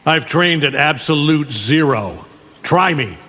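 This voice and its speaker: A man's voice: a little high, expressive, takes it slowly, bright, forceful tone, heavily acted. An actor playing Omni-Man, an arrogant alien superhuman father in a video game, smug, menacing and condescending. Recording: long reverb, faint background noise.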